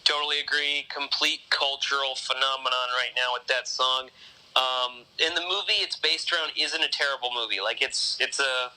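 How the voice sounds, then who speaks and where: A man hosting a podcast in casual chat, thinking out loud and rambling through many restarts. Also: medium pitch, steady tone, moderate pace, rough recording. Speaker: podcast host.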